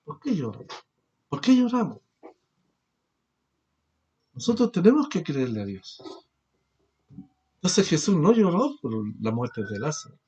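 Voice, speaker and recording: Male pastor with a high voice, preaching with rhetorical questions and shifting force. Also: big pitch swings, unhurried, long pauses, a little mellow, slightly rough. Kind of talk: sermon.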